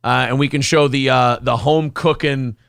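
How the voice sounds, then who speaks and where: A man's voice: medium pitch, steady tone, moderate pace, creaky, a bit bright, smooth, no room sound, clean studio sound. A man hosting a live talk show, bantering and answering listeners in a cocky, taunting, mock-apologetic way, with profanity.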